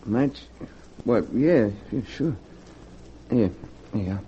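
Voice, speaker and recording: An actor voices a broke, desperate locksmith in a 1940s radio drama, drawing out his words in an expressive, dark, medium-pitched voice that sounds strained and pleading. Slight background noise and music sit in the dull vintage radio recording.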